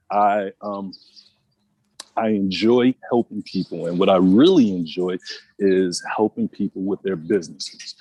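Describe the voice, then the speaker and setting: Deep husky man, friendly introduction. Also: no echo, low-quality recording. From New York. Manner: friendly, relaxed, many ums. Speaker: member introducing himself. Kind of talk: casual self-introduction.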